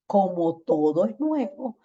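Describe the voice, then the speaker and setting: A woman teaching a church discipleship Bible lesson, telling stories and acting out text-message exchanges in lively voices. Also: mid-range voice, takes it slowly, lo-fi sound.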